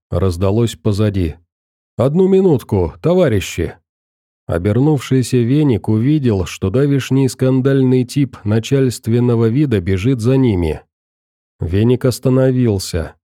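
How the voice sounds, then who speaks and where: A man narrating an audiobook in a steady, measured reading. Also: medium pitch, dry recording, studio quality. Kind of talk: scripted narration.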